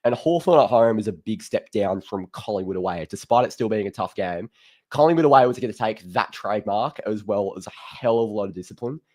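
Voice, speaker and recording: A laconic Australian man with a fairly low voice hosts a casual fan sports show. He talks in a blokey, conversational way, like he is chatting with mates. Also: fairly quick, a little mellow. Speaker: host of a fan call-in show. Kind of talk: casual footy chat.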